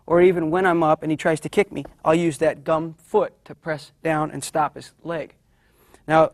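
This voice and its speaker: A man teaching a martial arts class with a fairly high voice. He explains each move while he shows it on a partner. The recording is dry and close. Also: no room sound. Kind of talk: instructional demonstration.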